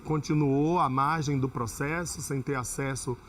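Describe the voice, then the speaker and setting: A man in an interview speaking reflectively, often repeating himself and pausing on fillers. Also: medium pitch, fairly even intonation. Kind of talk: interview commentary.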